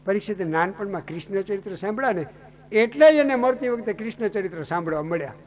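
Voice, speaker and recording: High-voiced man telling a devotional story. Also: animated, quick pace, a little mellow. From Gujarat. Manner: dramatic storytelling with rhetorical questions. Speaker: Bhagavata katha speaker.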